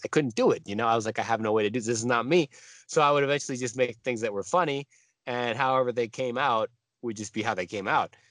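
A man in his mid-twenties, a guest answering casually in a halting way with many fillers. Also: mid-range voice, a bit bright, no echo. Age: 20s. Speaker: guest musician. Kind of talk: casual conversational interview.

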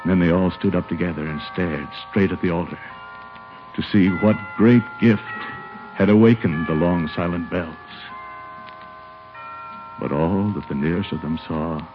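An actor playing a gentle, plain-spoken man with an uneasy conscience in an old-time radio drama. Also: a bass voice. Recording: muffled, noisy old radio broadcast.

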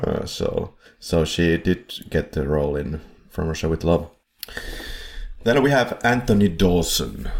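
A man's voice: low voice, a little mellow. A man co-hosting a film podcast in a casual chat, rambling a bit and chuckling at his own slips. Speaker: podcast co-host. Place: home setup in Poland.

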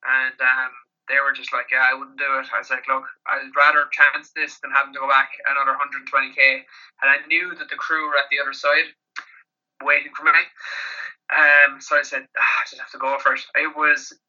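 A man's voice: mid-range voice, level tone, brisk, bright, forceful tone, muffled recording. A man from Ireland with a Kerry accent, telling stories casually and ramblingly as an interview guest. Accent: Irish, County Kerry. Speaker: interview guest, endurance athlete. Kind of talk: casual anecdotal interview talk.

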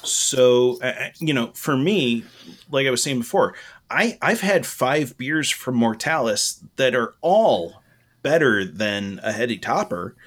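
Male co-host, medium pitch, loose and meandering conversational delivery, halting. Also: lively intonation. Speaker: podcast co-host giving opinions. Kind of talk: casual rambling chat.

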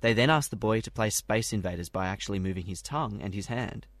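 Male news reader, lowish pitch, scripted science bulletin delivery, dry sound. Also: fast, dry recording.

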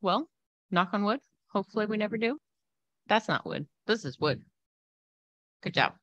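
A woman's voice: medium pitch, expressive, moderate pace, a bit bright, no room sound, lo-fi sound. A woman co-hosting a podcast, teasing and matter-of-fact as she tells a story in casual banter. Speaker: podcast co-host.

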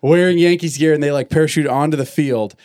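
Animated storytelling man, dry close sound. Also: fairly high pitch, quick pace, dry recording. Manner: animated storyteller, laughs often. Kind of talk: casual chat.

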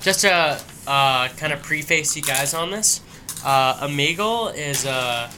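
A man's voice: fairly high pitch, a little slow, background noise. A tipsy man co-hosting a casual podcast, laid-back and agreeable, with lots of fillers. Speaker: podcast co-host. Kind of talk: casual chat.

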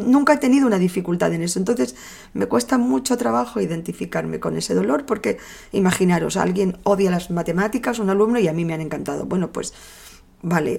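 A woman's voice: medium pitch, gravelly, darkish tone. A middle-aged woman, a therapist hosting a podcast, talking thoughtfully through anecdotes. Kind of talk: reflective podcast monologue.

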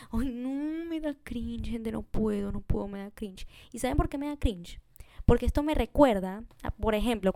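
A woman's voice: mid-range voice, dark tone, smooth, no room sound. Chatty woman hosting a podcast. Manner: chatty, talks straight to listeners with frequent "you know?" tags; mixes English words into her Spanish. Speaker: podcast host. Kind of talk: casual solo podcast monologue.

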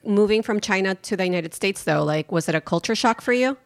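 A woman's voice: mid-range voice, lively intonation, fairly quick, dry recording. A woman co-hosting a podcast who reads guest introductions and chats lightly. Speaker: podcast co-host. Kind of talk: casual chat, read introductions.

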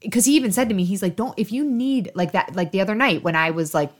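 A woman's voice: medium pitch, fast. A woman in her thirties co-hosting a podcast, telling stories in casual chat with lots of fillers and quoted dialogue. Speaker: podcast co-host.

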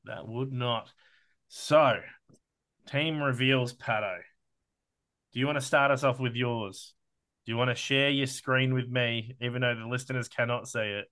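Bright, excitable Australian male podcast co-host who swears casually. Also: mid-range voice, unhurried, long pauses. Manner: excitable, swears freely, keeps addressing his co-host. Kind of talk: casual sports podcast chat.

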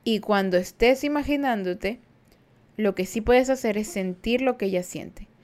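A woman hosts a podcast and talks loosely about energy and empathy with her listeners. Her voice sits at an everyday middle pitch, and she chats in an animated, informal way. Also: a little slow. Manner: animated, mimics people in a high put-on voice. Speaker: podcast host. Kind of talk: casual spiritual advice chat.

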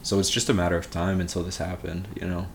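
A man's voice: deep voice, flat delivery, fast, gravelly, a little hiss or hum. A man in his twenties, a podcast co-host chatting casually about films, rambling with lots of filler words. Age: 20s. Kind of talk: casual film chat.

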